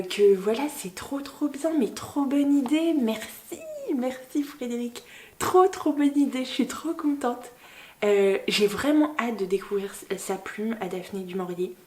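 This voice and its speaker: Slow-talking, gushing young woman vlogger. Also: mid-range voice. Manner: excitable, gushing, many fillers and exclamations. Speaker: book vlogger. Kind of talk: casual vlog, unboxing gifts. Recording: noisy home recording.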